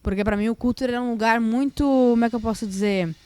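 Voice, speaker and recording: Woman, Rio Grande do Sul accent, rapid lively storytelling, fairly high voice, dry close sound. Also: dry recording. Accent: southern Brazilian, Rio Grande do Sul. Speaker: podcast guest. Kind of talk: personal faith testimony in a podcast chat.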